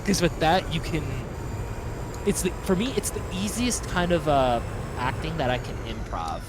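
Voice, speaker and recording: A man chats playfully on a gaming stream, rambling with fillers and jokes. His slightly high voice swings widely in pitch. Clear background noise sits behind him. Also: big pitch swings, moderate pace. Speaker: stream guest. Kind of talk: casual chat.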